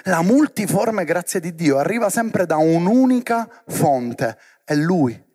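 A man giving a lively sermon to young people and often asking the crowd questions. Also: high voice, slow pace. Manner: animated, asks the crowd questions. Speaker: preacher.

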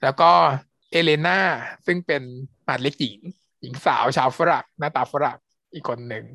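A man co-hosting a podcast, retelling a series plot in a relaxed, meandering way. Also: medium pitch, normal speed, creaky, dry recording. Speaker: podcast co-host, series reviewer. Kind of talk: casual review chat.

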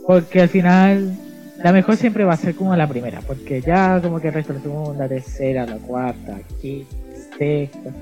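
Hesitant Chilean guy, slightly high voice. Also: moderate pace, highs cut off, over music. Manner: hesitant, rambling, laughs at himself. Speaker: podcast co-host. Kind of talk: casual chat.

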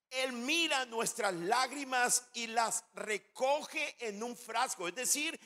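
A man's voice: very high-pitched, sharp tone, in a large hall. A man pastor preaching a sermon with emphasis, speaking directly to his congregation in a church.

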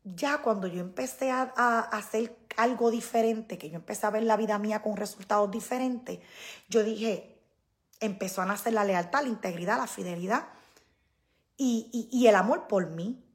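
A woman's voice: mid-range voice, moderate pace. A middle-aged woman, talking casually and emphatically to her viewers, often repeating herself. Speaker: vlogger. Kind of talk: casual live-stream talk to viewers.

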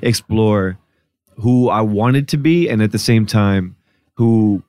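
Low-voiced man telling his story. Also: slow, a little mellow, no echo. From Newark, New Jersey, US. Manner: reflective, storytelling, many "like" fillers. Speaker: podcast guest. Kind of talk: casual conversation.

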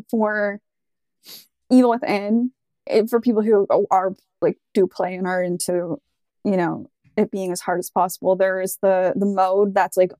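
Over a dry, close sound, a woman chats casually as a podcast co-host, her voice sitting at an ordinary middle pitch. She rambles, leans on "like" and "um", and gushes when something excites her. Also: no echo. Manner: rambling, full of "like" and fillers, enthusiastic. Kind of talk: casual chat.

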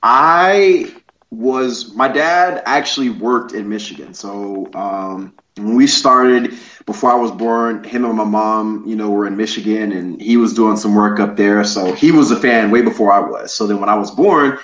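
A man's voice: fairly low pitch, measured pace, fairly bright tone. A man from Ohio, a former coach, talking energetically and rambling a little in a casual interview. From Columbus, Ohio, USA. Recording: roomy, slightly dull audio.

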